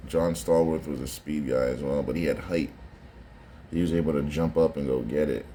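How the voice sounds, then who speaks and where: A man's voice: extremely low pitch, fairly even intonation, normal speed, mellow, a little hiss or hum. A man giving casual, conversational reaction commentary on sports footage, often repeating phrases for emphasis.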